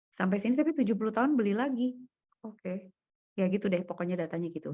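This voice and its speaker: A woman gives a relaxed one-on-one coding lesson, thinking aloud as she works through data and plots. She speaks in a casual manner. Her voice sits at an ordinary mid pitch. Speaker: coding tutor. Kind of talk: private coding lesson over screen share.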